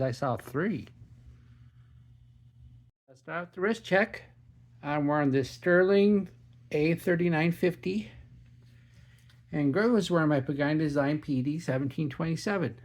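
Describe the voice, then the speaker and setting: A man hosting his own channel, cracking puns and chatting casually while he unboxes watches. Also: on the high side. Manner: jokey, punning, chatty. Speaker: watch reviewer, channel host.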